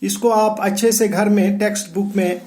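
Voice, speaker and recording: A man's voice: high-pitched, fairly even intonation, normal speed, a little mellow. A man teaching a first-grade English phonics lesson, spelling each word letter by letter and drilling the sounds, with short English phrases mixed in. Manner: spells words letter by letter and drills pronunciations for repetition. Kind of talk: recorded phonics lesson for children.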